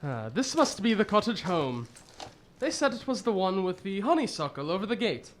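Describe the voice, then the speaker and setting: A man playing a kindly, earnest gentleman doctor, the detective's companion, in a radio mystery drama, polite and expressive. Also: high-pitched, moderate pace, a little hiss or hum.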